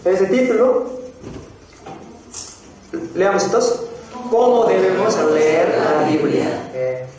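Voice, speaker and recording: High-voiced pastor in a very echoey hall. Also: male voice, sing-song, distant mic, crowd noise. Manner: slow, repeats phrases, frequent "eh?" prompts to the congregation. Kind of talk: sermon teaching. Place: church hall.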